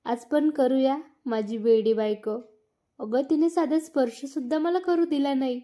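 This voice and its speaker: A woman's voice: high voice, normal speed, dark tone, lightly acted. A woman voicing a young husband who teases, then pleads and scolds, read as a storybook. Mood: teasing. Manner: playful teasing, later scolding. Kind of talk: storybook narration.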